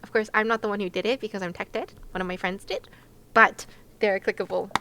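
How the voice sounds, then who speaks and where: A young woman hosts a livestream, chatting casually with viewers over a game, playful, giggly and full of exclamations. Her medium-pitched voice is bright and forceful, steady in tone and a little fast, with game music playing behind it.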